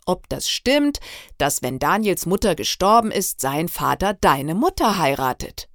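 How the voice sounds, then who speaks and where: A woman's voice: fairly low pitch, big pitch swings, a little slow, no room sound. Woman doing a snooty gossipy 13yo girl, sly and mocking, bouncy voice, dry sound. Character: snide gossiping thirteen-year-old girl. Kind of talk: audiobook reading.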